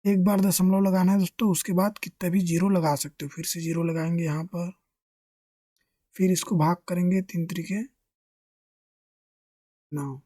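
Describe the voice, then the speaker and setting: Mellow, dry-voiced maths teacher. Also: medium pitch, fairly even intonation, moderate pace, long pauses, no echo. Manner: asks questions and answers them himself; keeps addressing listeners as friends. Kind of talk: step-by-step maths lesson.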